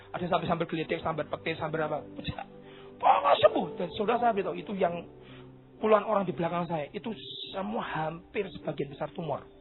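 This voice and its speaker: A man preaching a sermon, telling stories animatedly, acting out the dialogue and shouting at the high points. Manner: animated storytelling, acts out dialogue, shouts at climaxes. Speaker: pastor. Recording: tinny phone-like sound with faint music.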